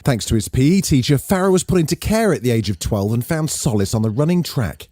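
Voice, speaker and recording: A man hosting a daily news podcast, reading scripted news items in a lively, chatty way. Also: mid-range voice, fairly quick, dry recording.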